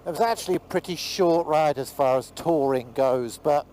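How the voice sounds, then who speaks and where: A man's voice: fairly high pitch, moderate pace, mellow. A man with a New Zealand accent chatting casually with joking, teasing banter as he rides. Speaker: motorbike travel vlogger, rider. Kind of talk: casual chat. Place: outdoors on a moving motorbike. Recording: noisy vehicle ride, motorbike helmet audio. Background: engine and road noise.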